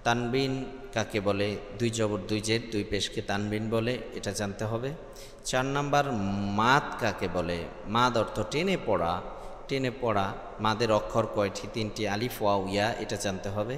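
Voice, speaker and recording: A man gives a recitation lesson, spelling letters slowly and then chanting the verses high and loud. His voice is bright and ringing. The sound is roomy, with a long echo trailing behind each phrase. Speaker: Quran recitation teacher. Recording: echoey room with long reverb.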